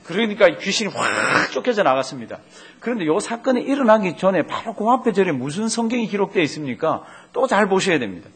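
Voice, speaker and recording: Male pastor, sermon delivery, lively pitch, slightly husky tone. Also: brisk. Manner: animated preaching, quotes scripture aloud, rhetorical questions.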